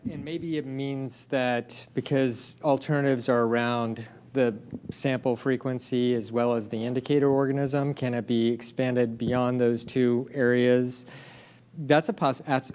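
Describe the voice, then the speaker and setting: A man's voice: medium pitch, steady tone, moderate pace, a little mellow, slight background noise. A man on a panel answering audience questions, hesitant with many fillers. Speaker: agency panelist.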